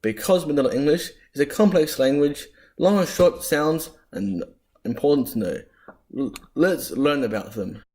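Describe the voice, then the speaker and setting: A man presenting a history lesson as scripted narration, spelling out sounds deliberately with occasional stumbles. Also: fairly high pitch, darkish tone.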